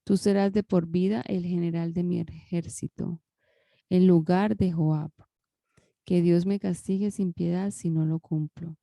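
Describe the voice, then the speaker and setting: Woman, deep mellow gravelly voice, Bible reading, dry close sound. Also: steady tone, a little slow, no echo. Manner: careful reading with occasional restarts. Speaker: scripture reader.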